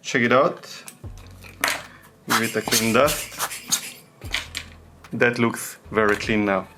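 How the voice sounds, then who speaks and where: A man with a thick foreign accent, a non-native English speaker, narrating a hands-on tutorial in simple, halting phrases as he searches for words. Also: medium pitch, fairly even intonation, noisy background. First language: not English. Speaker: repair tutorial host.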